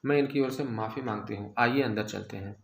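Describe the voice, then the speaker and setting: A man voicing a sharp-tongued young woman who scolds and apologizes, in an echoey room. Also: lowish voice, a little fast, creaky. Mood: polite. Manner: scolding, then sweetly polite.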